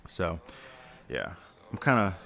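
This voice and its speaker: A man's voice: low-pitched, very animated, takes it slowly, vocal fry, a bit bright. A tired man hosting a live stream, chatting casually and rambling with lots of fillers and restarts while he builds a model kit.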